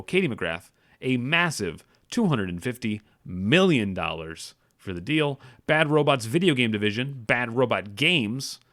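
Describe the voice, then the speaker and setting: A man's voice: mid-range voice, a bit bright. A man hosting a podcast, reading gaming industry figures aloud and breaking off into sarcastic, self-deprecating asides, often stumbling and correcting himself. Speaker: podcast host. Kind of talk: casual news commentary.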